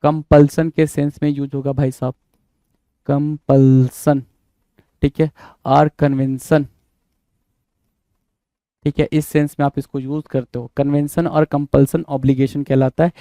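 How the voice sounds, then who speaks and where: A man with an Indian accent teaches exam vocabulary in a mellow, fairly high voice. He repeats every word, spells it out letter by letter, and keeps quizzing the class. The sound is close and dry, with no room echo. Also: little pitch movement, moderate pace. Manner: repetitive, spells words letter by letter, quizzes listeners. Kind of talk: exam-prep vocabulary lesson.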